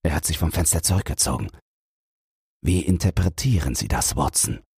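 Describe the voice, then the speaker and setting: A man reading the part of Sherlock Holmes, a keen analytical detective, in a measured way for a sleep audiobook. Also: extremely low pitch, animated, gravelly, darkish tone, breathy edge, no echo, studio quality, heavily acted. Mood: intent. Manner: measured, reasoning aloud.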